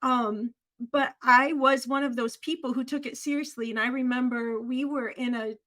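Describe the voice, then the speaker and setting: A woman's voice: sits high, fairly even intonation, normal speed, a bit bright. A woman podcast host in casual conversation, telling a story in an earnest, heartfelt way.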